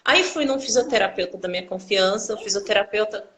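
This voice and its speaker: A woman chatting on a live video call, telling personal stories in an animated way and acting out the people in them. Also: mid-range voice, a little fast, low-quality recording. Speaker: co-host of a live video conversation. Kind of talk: casual live conversation, personal storytelling.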